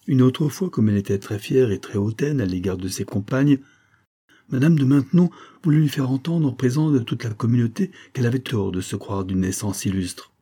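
A man's voice: mid-range voice, fairly quick, warm tone, husky, lightly acted. A man voicing a chatty older village innkeeper who confides local gossip. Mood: gossipy.

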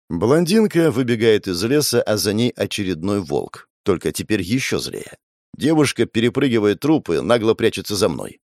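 A man's voice: on the low side, darkish tone, no room sound, studio quality. A man narrating a first-person fantasy audiobook in a sardonic, crude, wry way.

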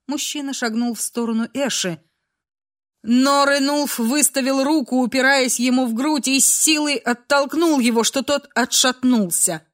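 A woman narrating a dramatic audiobook in a measured, expressive way. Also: sits high.

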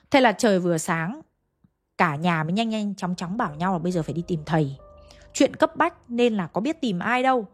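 A woman narrating a ghost story in a chatty way, speaking straight to her listeners. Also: medium pitch. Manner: chatty, addresses listeners directly.

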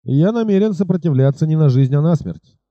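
A man's voice: fairly high pitch, animated, a little fast, warm tone, no echo, muffled recording, voice pushed up, close to an everyday voice. A man voicing a bold noble horseman in an audiobook, firm and declamatory. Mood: defiant. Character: bold noble male horseman, commanding gentleman.

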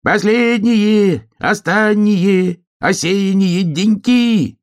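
A man's voice: mid-range voice, animated, voice pushed up, natural voice. A man doing a giddy little hare. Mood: whooping. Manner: whooping, drawn-out chanting. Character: small excitable male hare, shy turned giddy.

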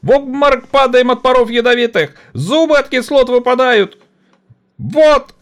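A woman's voice: high-pitched, moderate pace, voice pushed up, natural voice. A man voicing a worn-out young woman factory worker crying out piercingly from a crowd in an audiobook. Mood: shrill outcry. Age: 20s. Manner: piercing, tearful outcry.

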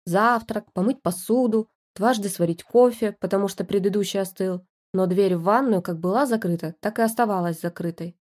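A woman reads a first-person story aloud with lively, wry delivery. Her storytelling is steady and expressive, in the manner of an audiobook narrator. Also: mid-range voice, normal speed, hardly any pauses.

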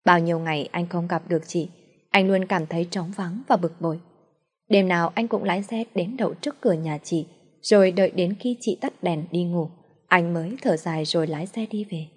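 A woman tells a family drama as a steady, measured narrator. Her voice sits slightly low. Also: husky. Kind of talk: storytelling narration.

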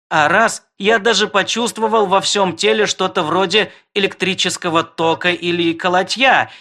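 Storybook robot, male, creaky metallic bark, high and piercing, long-winded and apologetic, put on by the male narrator. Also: pushed and bright. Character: grating metallic wedding robot, fussy and officious, male. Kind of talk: audiobook character voice.

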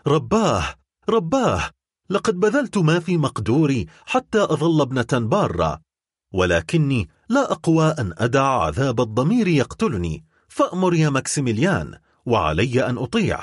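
A man's voice: medium pitch, wildly swooping pitch, normal speed, slightly rough, no room sound, studio quality. A man reading an audiobook, voicing a grieving young noblewoman in love with a pleading, anguished manner.

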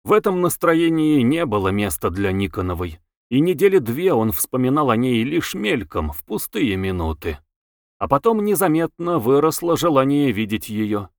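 A man narrating a classic novel in a measured, expressive audiobook reading. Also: medium pitch, no room sound, clean studio sound.

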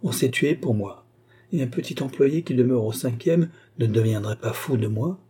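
A haughty young courtesan, burning with jealousy, read by a man. The voice is dark and husky, with a passionate, imperious edge, as in an audiobook. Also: medium pitch, moderate pace. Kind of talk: audiobook character reading.

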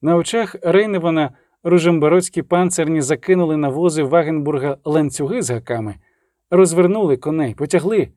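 A man narrates an audiobook in a measured, dramatic reading. His voice sits slightly high for a man. The recording is dry and close, with no room echo. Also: warm tone.

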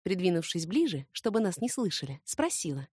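A woman narrating an audiobook in first person, expressive and ironic. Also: lowish voice, fairly quick, slightly rough, no echo, clean studio sound.

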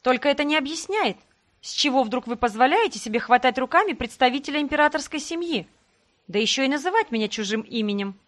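A woman's voice: sits high, lively intonation, fast, a bit bright, voice pushed up. A woman voicing a young noblewoman heroine in an audiobook, who speaks with cold, venomous politeness. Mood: icy.

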